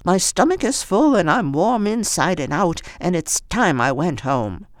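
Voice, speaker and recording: A reader voicing an eccentric, cheerful, bossy very old woman in a high, fussing storybook voice. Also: big pitch swings, a little slow, no room sound, studio quality. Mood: chirpy.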